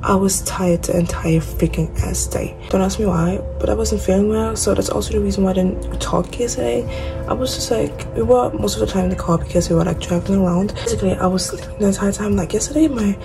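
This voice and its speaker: A woman's voice: medium pitch, fairly quick, gravelly, poor audio. Young woman vlogger, tired morning voice, casual and self-mocking, phone held at arm's length, music under it. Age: young adult. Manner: chatty, swears casually, self-deprecating. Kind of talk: casual vlog chat. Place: bedroom at home, indoors.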